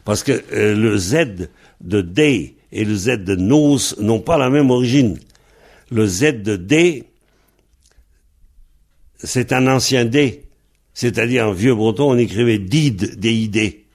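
A man's voice: on the low side, animated, slow, long pauses. A man teaching Breton pronunciation, patiently spelling words out letter by letter. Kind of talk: slow spelled-out language lesson.

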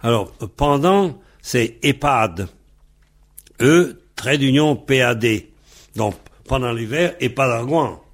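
A man from Brittany spells out Breton words letter by letter, taking his time as he teaches the language. He speaks at a medium pitch with lively intonation.

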